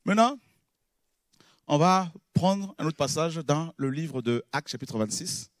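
A man preaching in French, a pastor teaching who repeats key words and swings from loud exclamations to low murmurs. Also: expressive, a little slow, dry recording, studio quality. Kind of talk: sermon teaching.

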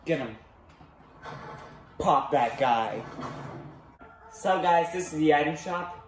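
A man's voice: fairly high pitch, lively intonation, takes it slowly, far from the mic, faint music behind. A man co-hosting a gaming video with casual gameplay chat. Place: indoor room with a television. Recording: echoey room, sound playing behind.

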